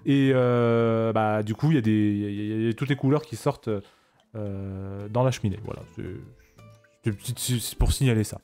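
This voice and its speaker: A man's voice: on the low side, moderate pace, mellow, clean tone, soft background music. A man giving casual, joking commentary while playing a game on stream, chatty with frequent restarts. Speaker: let's play streamer.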